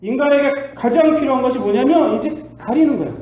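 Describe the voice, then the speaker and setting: A male pastor preaching a sermon, asking the congregation rhetorical questions and swinging between loud bursts and quiet asides. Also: very high-pitched, a little fast. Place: church sanctuary. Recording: echoey church hall with faint hiss.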